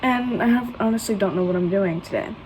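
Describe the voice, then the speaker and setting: A woman's voice: mid-range voice, brisk, darkish tone, far from the mic. A woman vlogging casually at home, rambling and poking fun at herself with plenty of ums. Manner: rambling, self-mocking, lots of ums. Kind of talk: casual cooking vlog chat. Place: home bathroom and kitchen. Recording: roomy, from off-mic, household noise.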